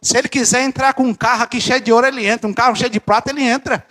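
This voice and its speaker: A man's voice: extremely high pitch, fairly even intonation, rapid-fire, a bit bright. A man preaching a fervent sermon to a church congregation, addressing them as brothers, his voice swinging up and down. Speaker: pastor. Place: church service.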